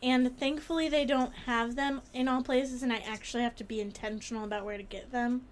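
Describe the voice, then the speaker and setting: High-voiced giggly woman chatting. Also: a little fast, slight background noise. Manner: giggly, animated storytelling with many fillers. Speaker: podcast co-host. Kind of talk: casual chat.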